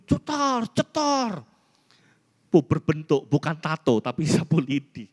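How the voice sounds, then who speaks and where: A male pastor from Indonesia preaching a sermon, telling personal stories in an animated way. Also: on the high side, clean tone. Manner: storytelling preacher, animated, mimics voices in anecdotes. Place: church hall. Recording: church hall reverb.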